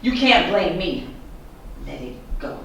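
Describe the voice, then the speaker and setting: An actress plays a controlling church mother in her middle years, scolding and shouting. Her pitch rises and falls sharply. The voice rings in a very echoey room with a faint hiss under it. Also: sing-song, slow pace, gravelly, distant mic, exaggerated voice. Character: controlling overbearing church first-lady mother. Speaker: pastor's wife and mother.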